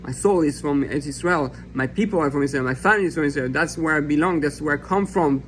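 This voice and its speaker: A man's voice: on the high side, quick pace, a little hiss or hum, low-quality recording. A man raised in France teaching a Torah lesson as a rabbi, reading a text aloud and explaining it in an earnest, impassioned way. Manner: earnest and impassioned, acting out imagined questions and answers.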